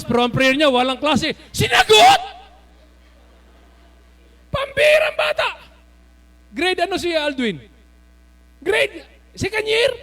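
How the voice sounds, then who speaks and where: Pastor guy preaching, voice way up high, bouncy and loud in bursts. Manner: animated, bursts into shouts and laughter while telling stories. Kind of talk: sermon.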